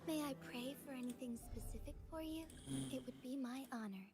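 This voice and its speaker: A woman voicing a polite, soft-spoken young female character in a video game. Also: high voice, brisk, natural voice. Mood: gentle, courteous.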